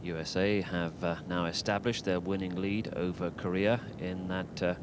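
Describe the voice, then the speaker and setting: A man presenting a round-up of golf scores in a measured reporting manner, pausing between items. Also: little pitch movement. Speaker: sports presenter. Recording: noisy broadcast with background rumble.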